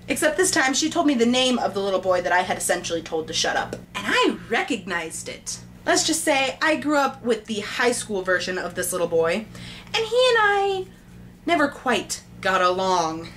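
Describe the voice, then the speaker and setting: A woman vlogger telling a childhood story to camera in a bubbly, excitable, self-mocking way. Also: medium pitch, slight background noise.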